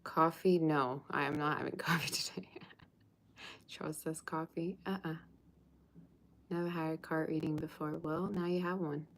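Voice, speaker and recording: On a livestream, a tarot reader from Russia talks at normal speed in a deep, steady voice, chatty and teasing, reading out viewer comments and singing fragments of old songs.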